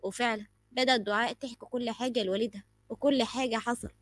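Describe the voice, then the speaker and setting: Woman storyteller, Egyptian Arabic accent, high voice, dry close sound. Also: steady tone, quick pace, fairly bright tone, no room sound. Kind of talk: scripted story narration.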